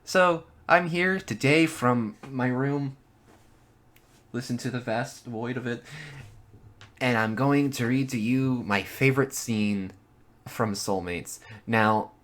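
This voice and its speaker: A man with a squeaky, chipmunk-like voice, chatting casually and giggling as he introduces a reading. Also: fairly bright tone. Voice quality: high-pitched, squeaky "chipmunk" voice. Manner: giggly, breaking into laughter. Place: bedroom.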